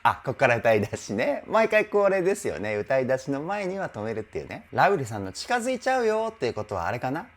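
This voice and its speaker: A vocal coach reacting to a live performance, excitedly admiring it and then explaining singing technique step by step. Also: medium pitch, fast, hardly any pauses, slight background noise. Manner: enthusiastic, exclaims in admiration between explanations. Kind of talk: reaction video with vocal analysis. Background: faint music from the video being reviewed.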